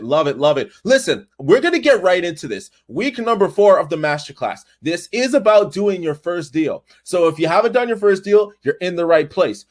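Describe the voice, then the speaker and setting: A man hosting a livestream webinar in an energetic, hyped way, calling out viewers by name. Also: high-pitched. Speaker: webinar host.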